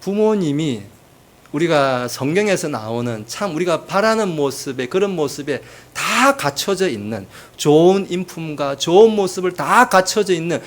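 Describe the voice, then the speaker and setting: Lively storytelling male pastor. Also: a little high, moderate pace. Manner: storytelling with humor and acted quotes. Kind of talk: sermon.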